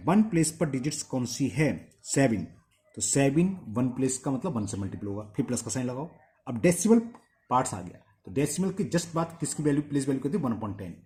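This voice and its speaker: Lively male maths teacher. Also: mid-range voice. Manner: asks questions and answers them himself, repeating steps. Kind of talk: blackboard-style maths lesson.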